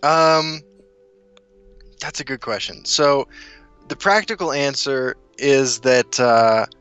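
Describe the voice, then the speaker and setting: Taking it slowly in a smooth, medium-pitched voice, a man originally from South Dakota who grew up in Kansas City rambles through stories as a podcast guest. The highs are cut off and faint music plays behind. He's relaxed and quick to laugh.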